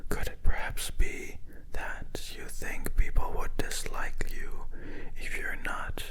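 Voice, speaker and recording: Very slow, quiet late-night ASMR whisper. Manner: slow, gentle, reassuring guidance with pauses and repeats. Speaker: ASMR host.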